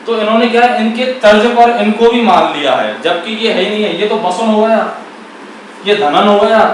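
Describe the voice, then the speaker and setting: A man's voice: high-pitched, a little hiss or hum. A man teaching Hindi grammar, explaining it like a lesson and asking and answering his own questions. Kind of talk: classroom-style explanation. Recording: very echoey room, voice far from mic.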